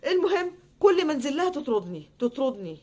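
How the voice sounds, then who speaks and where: Rapid high-voiced Egyptian woman storyteller. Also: sing-song. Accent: Egyptian Arabic. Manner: acts out quoted dialogue in quick back-and-forth. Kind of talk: casual first-person storytelling.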